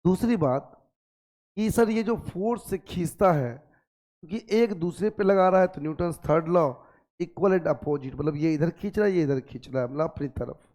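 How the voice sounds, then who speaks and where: A man teaching a physics class, nursing a sore throat, coaxing and gently scolding his students with repeated questions. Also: fairly high pitch, normal speed. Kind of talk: classroom lecture.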